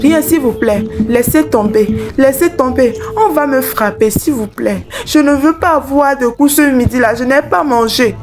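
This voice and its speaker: A woman's voice: high voice, moderate pace, few pauses, over music. A woman doing a timid pleading little girl. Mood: frightened. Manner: pleading, childlike.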